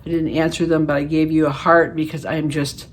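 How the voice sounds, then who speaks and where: This is a woman in her late seventies, chatting casually to her camera at home. She talks in a folksy, rambling way and pokes fun at herself, in a slightly low voice. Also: level tone, fairly quick. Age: 70s. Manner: chatty and folksy, with laughs and self-deprecating jokes. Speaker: beauty vlogger. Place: her living room.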